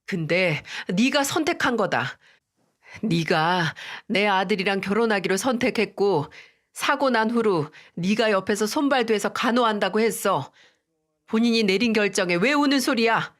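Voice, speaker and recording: A woman's voice: medium pitch, lively intonation, normal speed, lightly acted. A woman voicing a stern older mother-in-law who firmly scolds her daughter-in-law in a read-aloud family drama story. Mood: scolding. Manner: scolding, firm.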